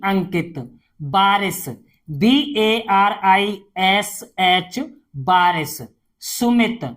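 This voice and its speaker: A woman's voice: medium pitch, a bit bright. A woman tutoring a beginner spelling lesson, reading each word, spelling it letter by letter, then repeating it. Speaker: English tutor.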